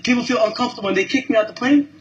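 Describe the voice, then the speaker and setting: A man's voice: extremely high pitch, very fast, highs cut off, a little hiss or hum. A man filming himself on a phone at an airport, upset and tearful, talking in a heated, repetitive rant full of cursing. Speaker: passenger filming an incident. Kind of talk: agitated first-person vlog rant. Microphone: handheld phone camera.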